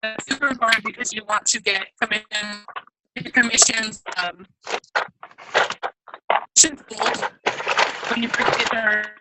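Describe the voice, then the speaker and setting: A woman's voice: on the high side, steady tone, unhurried, long pauses, heavy background noise. A woman leading a team training meeting over a video call, talking in a chatty way full of fillers while her audio keeps breaking up and cutting out. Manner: chatty, filler-heavy explaining. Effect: choppy, cutting-out video call audio. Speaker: team leader running a new-member meeting.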